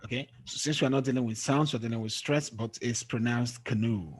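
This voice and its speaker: A man's voice: mid-range voice, steady tone, fairly quick. A man teaching an English pronunciation lesson over a video call, checking often that his student follows. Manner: checks understanding often with "okay?". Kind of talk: online tutoring lesson.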